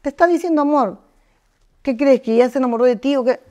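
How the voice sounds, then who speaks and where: A middle-aged woman who writes her own songs, speaking candidly in an interview. She tells her stories with energy and many fillers, jumping into higher voices whenever she quotes others. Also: fast. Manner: lively storyteller, jumps into high voices to act out quotes, many fillers. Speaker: singer-songwriter.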